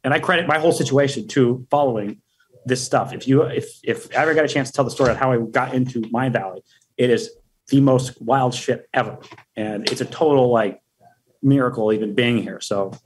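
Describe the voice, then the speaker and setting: A man speaking as a podcast guest in a casual interview, energetic and profane, full of hype. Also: mid-range voice, moderate pace, a little hiss or hum.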